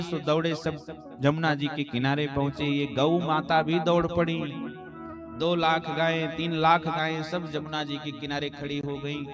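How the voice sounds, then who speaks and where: Slow, dramatic male katha preacher. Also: on the high side. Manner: dramatic storyteller, acts out characters' cries and pleas. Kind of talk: devotional storytelling sermon with sung Sanskrit verses. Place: live religious gathering. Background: musical instruments accompanying.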